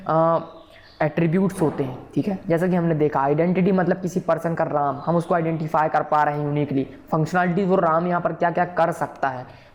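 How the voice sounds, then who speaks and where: In a recorded coding tutorial, a programming instructor lectures patiently and checks in with listeners often. His voice is fairly high, with a little hiss or hum in the recording.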